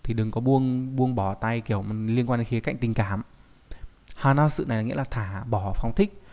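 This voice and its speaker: A male teacher walks through kanji in an online lesson. He explains patiently in an ordinary middle pitch. He keeps checking in with the learner through tag questions. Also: normal speed, darkish tone. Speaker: Japanese language teacher.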